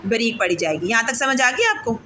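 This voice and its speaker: High-voiced woman teaching Quran letters. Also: wildly swooping pitch, noisy background. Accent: Pakistani Urdu. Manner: patient, drills letters slowly and asks the class to repeat. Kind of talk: teaching reading aloud with recitation drills.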